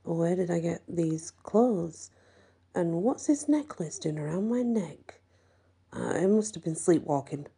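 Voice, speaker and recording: Brief: spellbound young man, read by a woman, slow whispered monotone, dark and husky. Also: on the low side, exaggerated voice. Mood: puzzled. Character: entranced young man, dazed and obedient.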